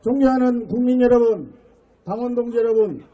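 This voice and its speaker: A middle-aged man, a party floor leader, giving a fiery speech at an outdoor political rally, shouting and firing rhetorical questions at the crowd. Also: very high voice, fairly quick.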